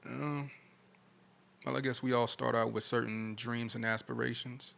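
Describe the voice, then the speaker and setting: A man talking reflectively and casually in a soft-spoken way. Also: mid-range voice, little pitch movement, normal speed, vocal fry.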